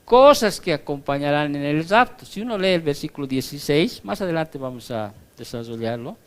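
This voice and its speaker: A man's voice: on the high side, lively intonation, fairly quick, clean tone. A male pastor giving a Bible study sermon in a conversational teaching tone, explaining through comparisons and constantly checking that his listeners follow.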